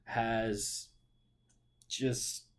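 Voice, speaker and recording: In a smooth, extremely slow voice of medium pitch with little movement, a Portland, Oregon vlogger in his late twenties rambles casually about his life. His monologue is packed with fillers and self-corrections.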